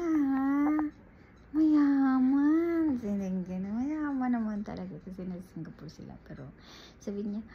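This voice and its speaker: A woman from the Philippines casually telling viewers about her life, talking to them as guys. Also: on the low side. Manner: animated, addresses viewers as guys. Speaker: vlogger. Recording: dull lo-fi audio with faint ambient noise.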